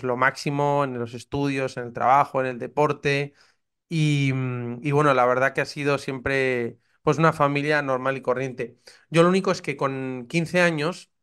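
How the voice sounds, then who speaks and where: A Spanish priest in his thirties with a Castilian accent, appearing as a podcast guest, shares his personal faith testimony in conversation with earnest fervor, acting out his own former doubts. His voice is medium-pitched, fairly bright, clear, and resonant.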